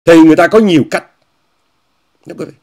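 A man's voice: on the high side, quick pace, dark tone. Mocking male commentator. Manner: repetitive, often repeats phrases and says "quý vị" often; scornful, mocking tone. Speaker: commentator hosting an online talk show. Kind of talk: casual monologue commentary addressing viewers.

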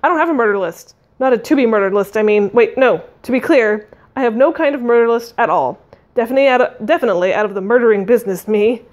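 A woman's voice: on the high side, expressive, quick pace, a little mellow, lightly acted. A woman voicing an anxious, blunt young female dragon who blurts out nervous explanations. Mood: anxious blurting.

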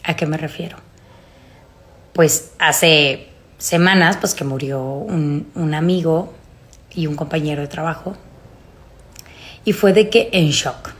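A woman in her thirties with a Mexican accent, chatting casually and confessionally to followers in a halting, emotional way, recorded on a phone at home. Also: deep voice. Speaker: vlogger. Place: small room at home, indoors. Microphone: phone at arm's length.

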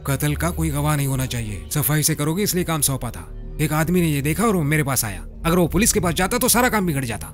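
An actor dubbing a scheming, ruthless middle-aged political boss in a film, speaking in a cold, commanding, deliberate way. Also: male voice, on the high side, animated, faint music behind, lightly acted. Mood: coldly scheming. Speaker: villain. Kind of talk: Hindi film dub.

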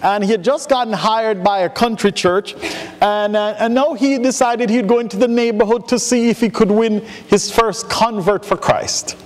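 A man's voice: high-pitched, steady tone, normal speed. A man pastor preaching a sermon, telling a joke in a folksy storytelling way, with frequent restarts. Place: church sanctuary. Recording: echoey church hall.

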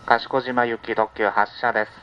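A man's voice: mid-range voice, flat delivery, moderate pace. Male train conductor on a muffled PA. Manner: formulaic, repeated polite phrasing. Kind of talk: live onboard announcement. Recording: muffled train PA, cabin noise. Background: train cabin noise.

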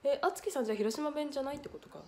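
Young woman w/ hiroshima accent, chatty idol livestream, kinda high voice, giggles a lot. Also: racing, warm tone, a little hiss or hum. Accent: Hiroshima Japanese. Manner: chatty, reads viewer comments aloud, giggly. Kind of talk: casual livestream chat.

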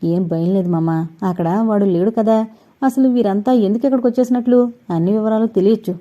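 A woman's voice: medium pitch, brisk, mellow, natural voice. A woman voicing a determined young heiress in love, speaking earnestly in a dull lo-fi recording. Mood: calm.

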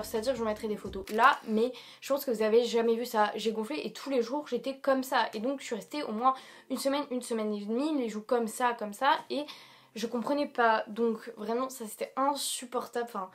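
A young woman with an accent from France, chatting casually to camera and telling a personal story in an informal, emphatic, rambling way with youthful slang. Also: on the high side. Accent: French (France). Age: young adult. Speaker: vlogger. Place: small room indoors.

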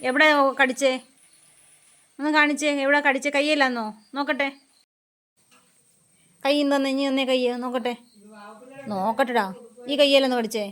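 A woman's voice: sits high, steady tone, moderate pace, long pauses, a bit bright. A woman from Kerala vlogging at home, coaxing and scolding her pet dogs in doting baby-talk. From Kerala, India. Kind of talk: casual home vlog talking to pet dogs.

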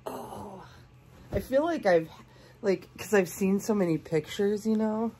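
A woman with a cold, sounding congested and sniffly, gushing softly as she unboxes doll clothes and sometimes dropping to a whisper. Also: medium pitch, animated, moderate pace, a little hiss or hum. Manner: gushing, soft-spoken, sometimes drops to a whisper. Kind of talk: casual unboxing chat.

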